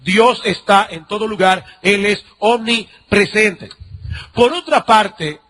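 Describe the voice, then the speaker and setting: A pastor preaching a sermon, asking the congregation questions and repeating key lines. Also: male voice, high voice, slow, a bit bright. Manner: preaching with rhetorical questions and repetition.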